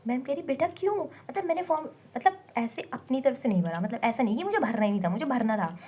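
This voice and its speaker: A woman's voice: fairly high pitch, big pitch swings, fast, dark tone, slightly rough. Giggly chatty young woman, home vlog. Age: young adult. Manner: giggly, chatty, mixes English words. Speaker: vlogger, exam dropper. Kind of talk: casual chat to camera. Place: home room.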